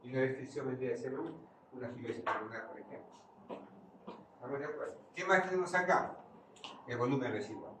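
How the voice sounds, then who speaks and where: A man's voice: medium pitch, brisk, pauses often. Man lecturing in an echoey, noisy classroom. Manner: quizzes the class and answers his own questions. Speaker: physiology lecturer. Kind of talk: classroom lecture with questions to students. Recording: far-off mic in an echoey room, noisy.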